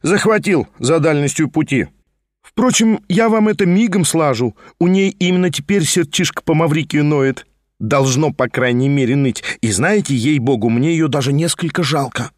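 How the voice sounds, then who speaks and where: A man voicing a fast-talking, scheming young nobleman who chatters and insists without pause. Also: on the high side, animated, dry recording, studio quality. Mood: wheedling.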